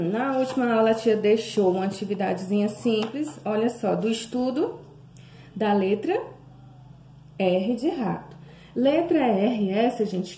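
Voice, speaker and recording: A Brazilian woman teaching young children, drawing words out slowly and sing-song, with many questions to the class. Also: mid-range voice, warm tone, a little hiss or hum. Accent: Brazilian Portuguese. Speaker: primary school teacher. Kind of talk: remote lesson for young children. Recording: echoey room.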